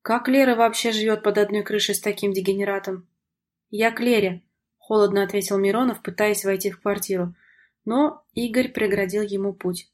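A woman narrates an audiobook with a steady, expressive delivery. Her voice is husky and breathy, sitting at a middling pitch for a woman. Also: a little fast. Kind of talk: scripted narration.

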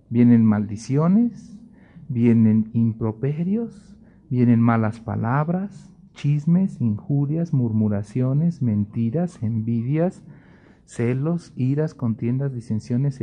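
Lively man teaching the Bible. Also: medium pitch. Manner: lively, acts out little dialogues in other voices. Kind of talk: sermon-style Bible teaching.

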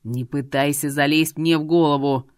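A woman's voice: low voice, normal speed, dry recording, clean studio sound, close to an everyday voice. A woman voicing a stern middle-aged businessman who speaks in a cold, clipped, growling way. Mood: angry.

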